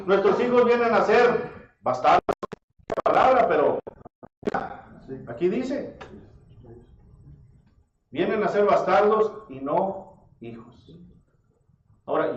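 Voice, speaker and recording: In a church hall, a man with a high-pitched voice preaches a sermon, addressing listeners as "brother" and firing rhetorical questions at the congregation. The audio is echoey and distant from the mic, dull and faintly hissy.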